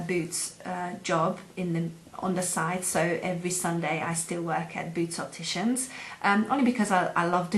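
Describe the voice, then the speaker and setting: A Hungarian woman whose first language is Hungarian introduces herself to employers in a job-seeker video, her voice lowish with a fairly bright tone. She sounds hesitant, dropping many ums and uhs. The room is echoey, with a faint hum in the background.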